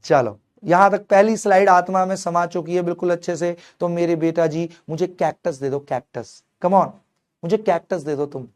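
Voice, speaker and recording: A young male chemistry teacher giving an animated online exam-prep lecture, mixing Hindi with English terms and calling his students his kids. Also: high-pitched, normal speed.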